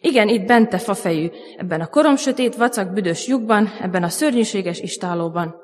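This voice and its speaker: A woman voicing a grumpy, gruff male dwarf who cannot see, in a storybook reading. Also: mid-range voice, a little mellow, natural voice. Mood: scornful. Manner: gruff, scornful. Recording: long church reverb.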